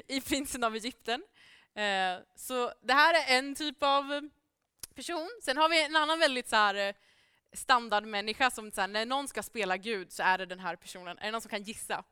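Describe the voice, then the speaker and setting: A woman's voice: on the high side, sharp tone, clear, resonant tone, dry recording, studio quality. A woman giving an informal sermon to a congregation, casual and chatty, with many fillers and frequent laughs. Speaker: preacher.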